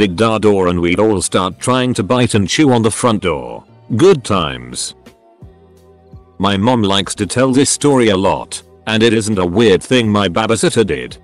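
A man narrating a string of online stories in a steady read-aloud manner, as a voice-over. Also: fairly low pitch.

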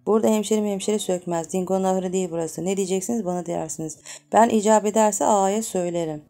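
Woman reading snippy dismissive porter guy, low gravelly voice. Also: fairly even intonation, normal speed, dark tone, soft background music. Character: cheeky snappish male office porter.

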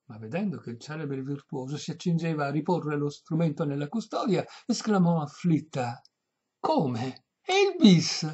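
A man reading a comic short story aloud in an expressive storytelling voice. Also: fairly high pitch, moderate pace, few pauses, breathy edge. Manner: expressive, animated narration. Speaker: audiobook reader. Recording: dull lo-fi recording.

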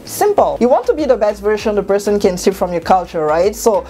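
Animated young woman from Cameroon. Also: a little fast. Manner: animated, gestures a lot, jumps up in pitch for emphasis. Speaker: vlogger. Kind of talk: talking to camera, motivational advice. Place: bedroom at home, indoors. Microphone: clip-on lapel mic.

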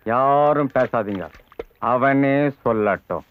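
An actor playing a bossy middle-aged family elder who scolds in quick, exasperated bursts. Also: male voice, mid-range voice, a little hiss or hum, natural voice. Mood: scolding. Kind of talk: Tamil film comedy acting. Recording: dull film soundtrack, faint music.

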